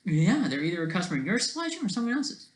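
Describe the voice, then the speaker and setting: In a roomy, echo-heavy recording from what sounds like an untreated room, a solo video creator casually rambles over his ideas. His voice is fairly high and very lively, and he stops and starts, trails away, leaps between thoughts and tacks on quick questioning checks.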